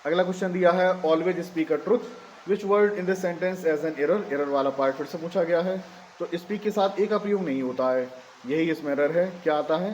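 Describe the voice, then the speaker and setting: An Indian man teaching an exam-prep grammar lesson. He explains in Hindi, reads English lines out slowly for dictation, and often asks questions he answers himself. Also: a little high, darkish tone, highs cut off, a little hiss or hum.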